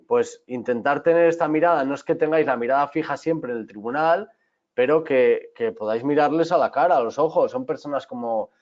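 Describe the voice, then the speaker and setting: A man teaches a class on exam technique. He talks straight to the students, restarting his sentences and checking in with them often. His voice sits in a middle pitch, and the recording sounds a little dull and lo-fi. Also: darkish tone. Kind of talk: online class lecture.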